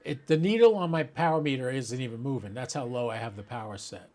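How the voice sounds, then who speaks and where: Fast-talking and a little mellow, this medium-pitched ham radio channel host runs a relaxed live demo at his computer, speaking to viewers and thinking aloud.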